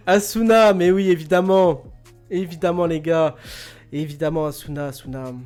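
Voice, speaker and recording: A man's voice: a little high, steady tone, unhurried, long pauses, darkish tone, soft background music. A man hosting a casual quiz show, joking, laughing often and repeating his words. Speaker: host of an online quiz radio show.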